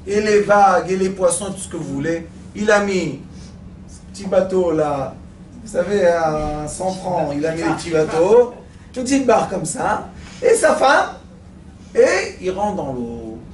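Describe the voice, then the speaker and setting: High, animated rabbi teaching a class. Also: male voice, unhurried, a little hiss or hum. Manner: animated, acting out stories, addressing the audience with questions. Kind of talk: Torah lesson with joke storytelling. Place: lecture room at a study centre. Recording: echoey room, mic far off.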